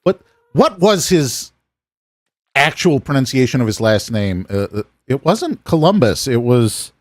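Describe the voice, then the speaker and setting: A man's voice: mid-range voice, big pitch swings, unhurried, no echo. An American man chatting casually while streaming a game, rambling and musing aloud as he plays. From United States. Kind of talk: casual gameplay chat with chat.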